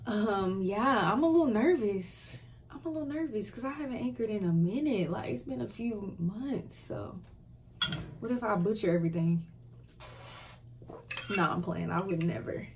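A woman's voice: medium pitch, lively intonation, moderate pace, a little mellow. A young woman chatting casually to her camera as a vlogger, playful and self-mocking. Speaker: vlogger and TV anchor. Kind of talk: casual vlog chat. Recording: noticeable background noise.

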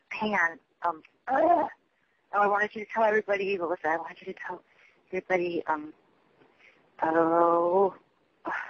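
High-pitched man rambling on a voicemail. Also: vocal fry. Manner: rambling, halting, often losing the thread, swearing. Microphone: phone. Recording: dull lo-fi telephone voicemail recording.

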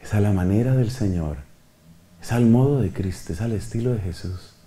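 A man's voice: on the low side, normal speed. A middle-aged man, preaching a sermon as a priest, asking his listeners questions and acting out quotes. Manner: animated, questions the audience and acts out quotes.

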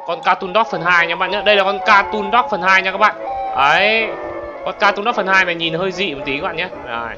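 A man narrates his gameplay in a fairly high voice. He bursts into loud exclamations now and then. Game music plays clearly underneath him. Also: quick pace, highs cut off. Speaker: gaming YouTuber. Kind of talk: excited gameplay commentary. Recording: game music playing behind the voice.

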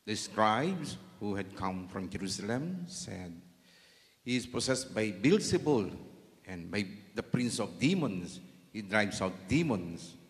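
Guy reading the gospel at mass, slow measured delivery, big cathedral echo, lowish voice. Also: very animated. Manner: measured, solemn reading cadence. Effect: cathedral echo, long church reverb. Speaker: clergyman leading mass. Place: large church. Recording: echoey church hall, long reverb.

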